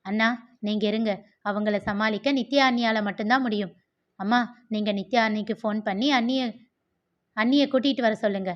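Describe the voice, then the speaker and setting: A woman voicing a calm young man who lays out plans decisively. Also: medium pitch, brisk, long pauses, natural voice. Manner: calm, directive planning. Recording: dull lo-fi recording.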